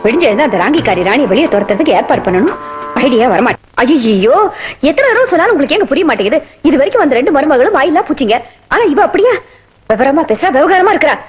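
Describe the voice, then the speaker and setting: Domineering mother-in-law, high pitched and quick. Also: big pitch swings, soft background music. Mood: scheming. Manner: nagging, domineering. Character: scheming bossy mother-in-law. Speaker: actress playing a scheming mother-in-law. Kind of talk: film comedy dialogue.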